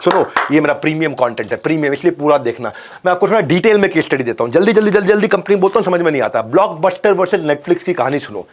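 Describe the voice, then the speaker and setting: A man giving a motivational business talk, emphatic, repeating lines for stress and swinging from loud peaks to hushed asides. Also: fairly high pitch, animated, fast talker, hardly any pauses, slight background noise. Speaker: business coach.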